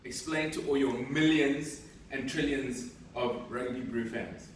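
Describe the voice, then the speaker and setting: A man's voice: mid-range voice, a little slow, heavy reverb, far from the mic, a little hiss or hum, poor audio. A man co-hosting a rugby talk show, teasing and joking in slangy casual banter. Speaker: podcast co-host. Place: studio.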